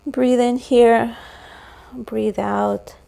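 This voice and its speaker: A young woman teaching a beginner yoga class, calmly cueing each breath and pose and encouraging the students between rounds. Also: a little high, creaky. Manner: slow, calm cueing of breath and poses. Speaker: yoga instructor. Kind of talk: guided yoga class instruction.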